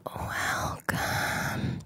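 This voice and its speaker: A woman whispering a breathy ASMR ramble as a host, very close to the microphone, lingering and often repeating words in strings. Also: very slow, bright, forceful tone.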